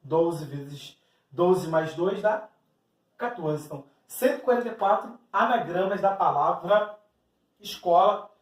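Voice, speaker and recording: Man, Brazilian accent, math teacher, high voice, explaining step by step. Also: reverberant, distant mic. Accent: Brazilian Portuguese. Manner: explanatory, addresses the student directly, acts out student questions. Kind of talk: exam-prep math lesson.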